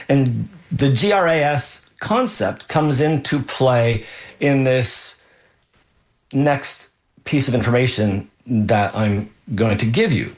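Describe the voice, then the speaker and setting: A man hosting a health radio show as a doctor, talking off the cuff in a deliberate, halting way with emphatic pauses. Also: medium pitch. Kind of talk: unscripted health talk.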